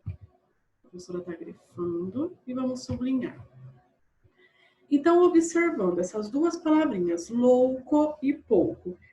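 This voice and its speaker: A patient woman teacher walks young pupils through a grammar lesson. Her voice sits a little on the high side, and she repeats words slowly and keeps checking that the children follow. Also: lively intonation, a little mellow, muffled recording. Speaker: primary school teacher. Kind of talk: recorded online grammar lesson.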